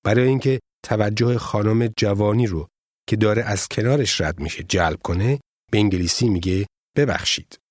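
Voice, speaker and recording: Low-voiced male language course narrator. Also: dry recording, clean studio sound. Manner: measured, formal teaching delivery. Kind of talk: scripted instructional narration.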